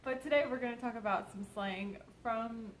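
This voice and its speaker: A young woman from Kentucky, USA, with a mild Southern accent, co-hosts a casual chat and rambles through explanations full of filler. Her voice is fairly high and fairly even at normal speed, on a low-quality recording with a little hiss or hum.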